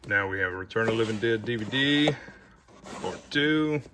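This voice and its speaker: A man's voice: fairly low pitch, lively intonation, normal speed, noisy background. A man giving a casual, rambling tour of his movie collection, with audible heavy breathing. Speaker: video collector showing his shelves.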